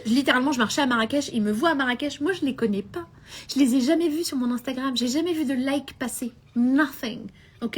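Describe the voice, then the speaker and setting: Woman, business coach, live stream, high-pitched, animated, mixes in English phrases.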